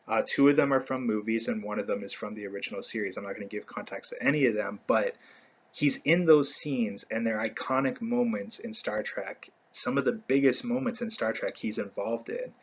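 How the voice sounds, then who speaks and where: A man's voice: lowish voice, a little fast, husky, highs cut off. A man hosting a casual fan video, rambling through a ranked list with many fillers and self-corrections. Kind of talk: casual ranking commentary.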